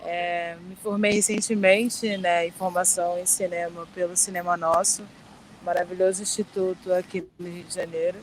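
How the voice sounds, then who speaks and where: A woman's voice: lowish voice, level tone, normal speed, a little hiss or hum, rough recording. Woman on an audio-only call. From Espírito Santo, Brazil. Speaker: filmmaker and geologist. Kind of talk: casual panel introduction.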